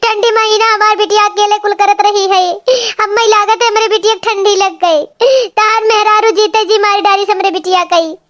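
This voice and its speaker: Anxious older village mother voiced by a woman, shrill pleading tone. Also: fairly even intonation, normal speed, hardly any pauses, fairly bright tone. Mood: anguished. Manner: wailing, pleading. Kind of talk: cartoon voice acting.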